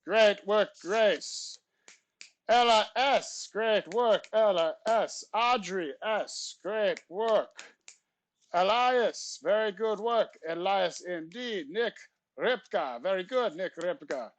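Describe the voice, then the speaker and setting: A man's voice: sits high, animated, slow pace, full character voice. A man teacher voicing a pompous French substitute teacher in a put-on, exaggerated French accent, reading class announcements in stiff, formal phrasing. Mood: announcing. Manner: formal, stilted phrasing with theatrical flourishes. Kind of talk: comic class announcements in character.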